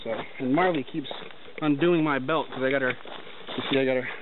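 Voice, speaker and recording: A man's voice: medium pitch, normal speed. A young man talking casually to a handheld camera as he hikes through a forest, rambling as he walks. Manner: talks while walking, loose and rambling. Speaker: hiker filming a trip. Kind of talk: casual vlog narration while hiking. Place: outdoors in a forest. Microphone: handheld camera at arm's length. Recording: tinny lo-fi camera audio with faint noise.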